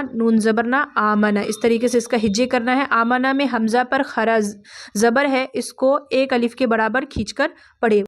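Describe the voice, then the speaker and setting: A woman with a somewhat high voice gives a patient Quran reading lesson. She spells out letters and vowel marks slowly and deliberately. She keeps asking simple questions and answering them herself. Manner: patient, repetitive explaining with rhetorical questions. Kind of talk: step-by-step recitation lesson.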